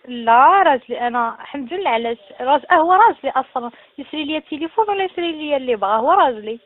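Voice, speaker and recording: Moroccan woman heard through a landline phone, high quick voice, tinny dry line, scolds the caller. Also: expressive. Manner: brisk, scolding, quick to lose patience. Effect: heard over a landline phone. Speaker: phone call recipient. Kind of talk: casual phone call.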